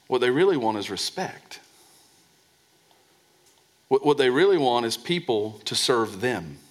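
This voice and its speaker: A man preaching a sermon as a pastor, pressing points and dropping to a soft low voice on key words, often repeating words as he restarts. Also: big pitch swings, measured pace.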